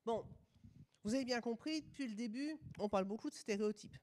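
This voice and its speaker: A woman's voice: on the high side, fairly quick, darkish tone, slight background noise. A middle-aged woman from France with a French accent, giving a conference lecture with ironic asides.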